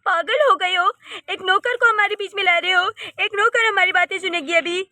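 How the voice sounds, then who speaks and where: A woman's voice: extremely high pitch, moderate pace, bright, forceful tone, dry recording, full character voice. A woman voicing a spoiled, haughty young rich wife in a cartoon story, scolding and scornful. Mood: angry.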